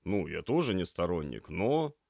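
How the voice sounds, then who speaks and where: Man doing a sleepy grumpy young guy, grumbling, a bit higher than his usual voice, dry close sound. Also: sing-song, moderate pace, creaky, darkish tone, no room sound, full character voice. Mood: weary. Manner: weary, grumbling. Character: tired grumpy young male paramedic trainee.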